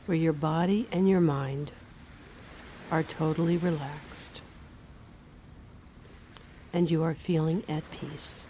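A woman reading a guided relaxation and hypnosis script in a slow, soothing, measured way. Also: low-pitched, fairly even intonation, mellow, slight background noise.

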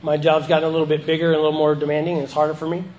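A man speaking through missing front teeth, giving halting, self-deprecating, sweary personal testimony as a speaker at an informal recovery meeting. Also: fairly high pitch, completely flat delivery, darkish tone, a little hiss or hum, low-quality recording.

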